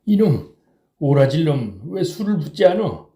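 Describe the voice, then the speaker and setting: A man voicing a drunk, boisterous middle-aged rickshaw puller who shouts and slurs in an audiobook reading. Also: medium pitch, measured pace, reverberant, pitched above the performer's own voice, natural voice. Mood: drunken rage. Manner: loud, slurring drunken shouting.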